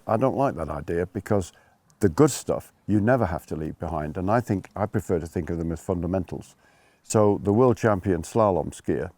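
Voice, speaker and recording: A man's voice: low-pitched, warm tone, no room sound. A man working as a ski instructor, explaining things informally to learners in an emphatic way, rephrasing and repeating his points.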